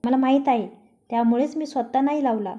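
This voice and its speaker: A woman storyteller voices a calm young wife who answers back with gentle, dry teasing. Her tone is mellow and slightly high. The sound is a bit muffled and lo-fi. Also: a little fast, natural voice. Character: young wife, patient, quietly witty.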